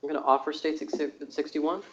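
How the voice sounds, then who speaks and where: A man's voice: a little high, steady tone, quick pace, a bit bright, a little hiss or hum. Man questioning in an echoey courtroom. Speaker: attorney questioning a witness. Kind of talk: courtroom examination. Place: indoor courtroom. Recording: echoey, muffled courtroom audio.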